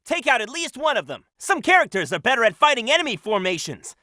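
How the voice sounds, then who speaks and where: Cocky young video game hedgehog, super high for a guy, bright n bouncy, brash energy. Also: big pitch swings, fast talker, dry recording, clean studio sound, heavily acted. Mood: instructive, eager. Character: cocky, upbeat young male hedgehog hero.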